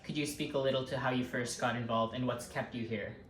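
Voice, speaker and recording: A man's voice: mid-range voice, steady tone, fast, fairly bright tone. A man interviewing an older guest, asking polite prepared questions. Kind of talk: recorded interview. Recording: roomy hall with crowd noise.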